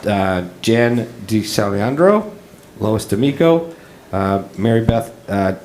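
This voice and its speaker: A man's voice: lowish voice, very animated, takes it slowly, a little mellow, slight background noise. A man with a Boston accent, a town councilor, reads a long list of names, stumbling over some of them.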